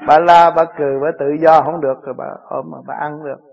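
A Southern Vietnamese man speaks as a spiritual teacher, answering disciples with homely stories and frequent chuckles. His voice sits a little high. The recording is dull and lo-fi, like an old tape. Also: steady tone, fast talker, vocal fry. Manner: chuckling, plain-spoken storytelling.

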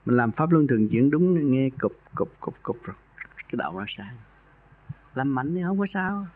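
A man's voice: mid-range voice, big pitch swings, moderate pace, a little hiss or hum. Guy teaching meditation on a radio call-in, folksy and earnest, tinny phone line sound. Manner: folksy and earnest, raising his voice for emphasis. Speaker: spiritual teacher advising a caller.

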